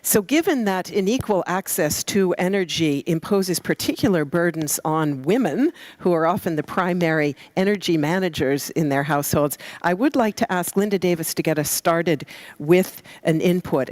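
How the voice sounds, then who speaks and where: A woman moderates a conference panel, introducing guests in a polished, measured manner. Her voice sits fairly low, and the sound is dry and close. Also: darkish tone, dry recording. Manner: polished, measured, with some "uh" hesitations.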